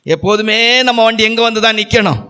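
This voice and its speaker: A male pastor with a Nagercoil Tamil accent preaches with fervour, scattering hallelujahs and building to full-throated cries. His voice sits high for a man. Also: fairly quick. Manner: fervent preaching that climbs to shouting; repeated hallelujahs. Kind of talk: Tamil sermon.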